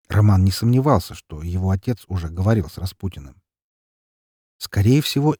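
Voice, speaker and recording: Husky expressive male audiobook narrator. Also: lowish voice, no room sound, studio quality. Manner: expressive, dramatic reading. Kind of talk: scripted narration.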